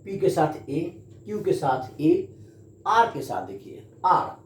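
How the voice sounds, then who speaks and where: A man gives a slow, sing-song grammar lesson, his pitch rising and falling heavily. Addressing the class, he keeps asking questions only to answer them himself. The room is echoey, and faint noise can be heard behind him.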